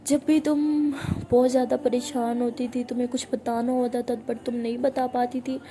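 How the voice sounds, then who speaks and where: A woman's voice: fairly high pitch, little pitch movement, moderate pace, mellow, a little hiss or hum, close to an everyday voice. A woman voicing a middle-aged mother who is loving but strict, coaxing and scolding her daughter. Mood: tender.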